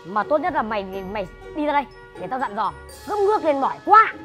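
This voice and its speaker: A bossy village elder. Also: female voice, sits high, big pitch swings, a bit bright. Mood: commanding. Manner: commanding, brisk. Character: stern village elder giving orders. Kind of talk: comedy film acting. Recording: music under dialogue.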